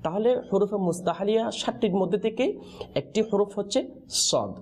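A man teaching the pronunciation of Quranic letters in a lesson, pausing on questions so his students answer in chorus. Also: high voice. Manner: call-and-response teaching, prompting answers with questions.

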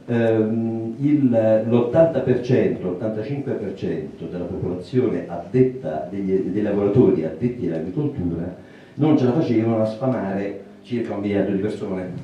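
A man in his sixties giving a public talk in a small meeting room, speaking thoughtfully with many pauses, fillers and restarts. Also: on the low side, lo-fi sound, slight background noise. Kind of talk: public lecture. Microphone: handheld mic, recorded by a far camera. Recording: roomy echo from a distant camera.

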